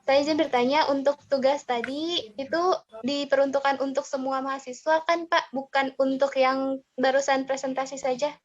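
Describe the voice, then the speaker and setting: A woman's voice: high-pitched, flat delivery, moderate pace. A woman with an Indonesian accent, a student politely and hesitantly asking questions in an online class, with many fillers. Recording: dull lo-fi call audio.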